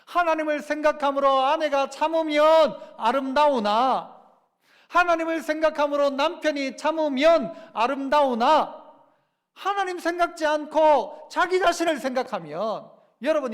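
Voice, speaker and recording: A man preaching a sermon as pastor, his voice sitting very high for a man. He keeps turning to the congregation with rhetorical questions and acts out quoted lines. The sound carries the long reverb of a church sanctuary.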